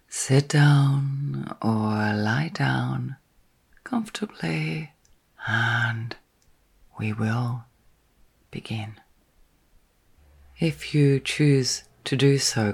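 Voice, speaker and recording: A woman's extremely low-pitched voice carries a guided sleep meditation. She speaks gently and soothingly in a soft, breathy, half-whispered way, pausing long between short phrases.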